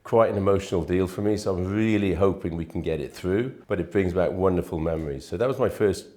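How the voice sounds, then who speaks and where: A deep-voiced Welsh man in his fifties, a real estate manager, tells relaxed anecdotes as an interviewee. He talks at a quick pace in a darkish tone, chatty and rambling with frequent restarts.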